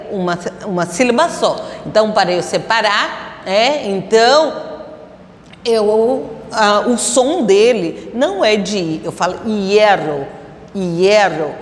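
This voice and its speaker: Slow, patient woman teaching in an echoey room. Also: mid-range voice. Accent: Brazilian Portuguese. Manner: explains slowly, asks students rhetorical questions. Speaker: Spanish teacher. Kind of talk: classroom grammar lesson.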